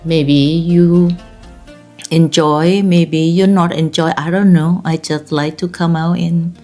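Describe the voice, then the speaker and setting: A woman in her fifties from Thailand, a native Thai speaker with a Thai accent, telling her own story casually in halting, emphatic non-native English. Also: fairly low pitch, steady tone, mellow, soft background music. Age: 50s. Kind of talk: casual personal storytelling to viewers.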